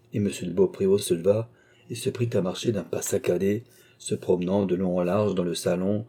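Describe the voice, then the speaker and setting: A man narrating a classic novel in a steady, measured reading voice. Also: sits low, breathy edge. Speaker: audiobook narrator.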